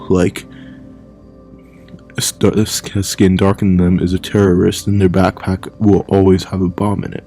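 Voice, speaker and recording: Talking straight to his vlog audience, a man rambles through an offhand monologue full of frank opinions and free swearing. Now and then he speaks quietly and low, since it's nighttime at home.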